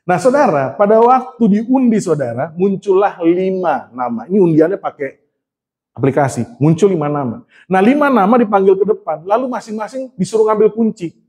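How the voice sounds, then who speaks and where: High-voiced man preaching conversationally. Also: animated, moderate pace, a little mellow. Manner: conversational storytelling, often addressing the congregation; humorous and self-mocking. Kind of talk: sermon.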